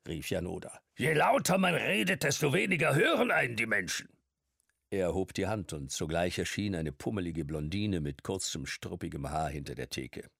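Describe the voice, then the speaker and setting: A man voicing a very old, portly man who is bursting with energy and talks in a jovial, booming way. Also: very animated, moderate pace, gravelly, breathy edge, no echo, studio quality, full character voice. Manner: booming, jovial, shouting over noise.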